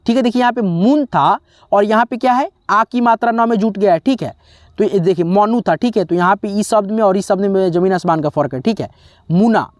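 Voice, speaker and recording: A man teaching a spelling lesson, slowly sounding out letters one by one and often pausing to check in with his viewers as friends. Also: sits high, no room sound, studio quality. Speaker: English teacher.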